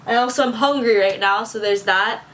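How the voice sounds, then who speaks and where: A woman's voice: a little high, normal speed, a bit bright, a little hiss or hum. Teary young woman rambling to camera. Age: 20s. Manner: tearful, rambling and self-reassuring. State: teary, on the verge of crying. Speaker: vlogger. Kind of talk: casual talking-to-camera vlog.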